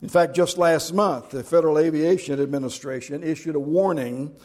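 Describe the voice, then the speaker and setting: A man's voice: a little high, normal speed, darkish tone. A middle-aged man preaching a sermon as pastor, telling jokes and stories in a folksy way. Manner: folksy joke-telling storyteller.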